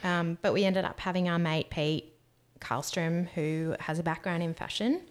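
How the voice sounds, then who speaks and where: A young woman co-hosting a podcast, reading out questions and chatting in a relaxed way about staying grounded and good energy. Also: fairly low pitch, moderate pace. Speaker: podcast co-host. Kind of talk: casual podcast chat.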